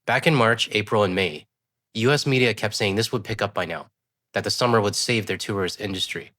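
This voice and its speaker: A man from Canada's West Coast hosts a news commentary channel, talking fast in a low, sharp voice. He's congested from a cold, and his commentary is casual.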